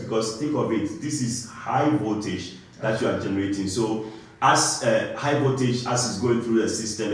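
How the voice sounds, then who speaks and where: A man from Ghana with a Ghanaian accent, a compliance engineer explaining a technical topic and often checking in with "right?". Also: on the low side. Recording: very echoey room.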